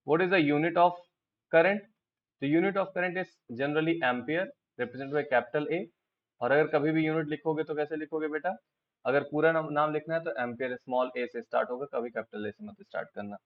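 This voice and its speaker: A man with an Indian accent teaching physics, explaining step by step and asking his students quick check questions. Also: a little high, muffled recording. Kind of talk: classroom lecture, Hindi-English mix.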